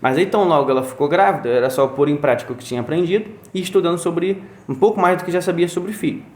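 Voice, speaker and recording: A man's voice: fairly high pitch, fast, darkish tone. A father telling a story in a casual conversation. He acts out sounds and quotes as he goes. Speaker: guest, father. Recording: roomy echo.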